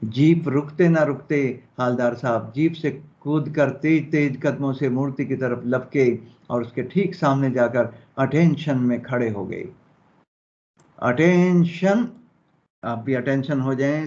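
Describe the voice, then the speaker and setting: In dull, lo-fi audio, an unhurried man with a darkish, mid-range voice walks his class through a story in a Hindi lesson, pausing to check on his students as he goes.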